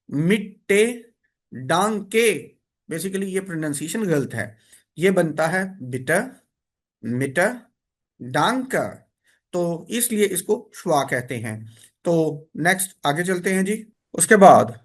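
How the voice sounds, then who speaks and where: A man gives a spoken lesson. He explains step by step and says each word slowly, often more than once, so learners can copy the sounds. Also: high-pitched. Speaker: language teacher.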